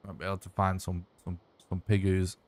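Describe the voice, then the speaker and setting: Man, casual gameplay commentary, thinking aloud, low voice. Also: fairly quick. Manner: thinking aloud, relaxed, muttering. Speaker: streamer.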